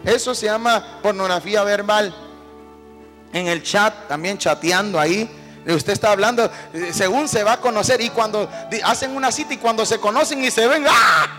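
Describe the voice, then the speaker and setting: High-voiced fervent male preacher. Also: moderate pace. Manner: fervent, swings between loud calls and hushed asides. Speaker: pastor. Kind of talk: sermon. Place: church. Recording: preacher with long church-hall reverb, faint music.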